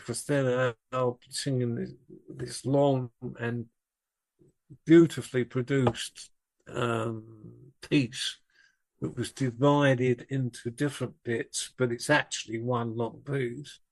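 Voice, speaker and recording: A guest in a conversation, this older drummer spins rambling, self-correcting stories in a relaxed storytelling way. He talks slowly in a steady, creaky voice of medium pitch.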